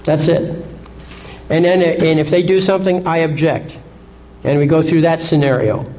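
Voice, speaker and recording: Guy lecturing a room, pushy and sure of himself, bit of a higher voice, keeps asking questions at the crowd. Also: fairly even intonation, moderate pace, dark tone, poor audio. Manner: assertive, checks in with "Okay?" and rhetorical questions. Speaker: seminar speaker. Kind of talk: lecture to an audience.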